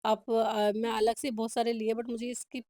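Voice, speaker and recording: Makeup artist from India, casual instructive voice-over, mellow tone, slightly high. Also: female voice, flat delivery, moderate pace, no echo, clean studio sound. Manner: chatty, instructive, code-switching with English words.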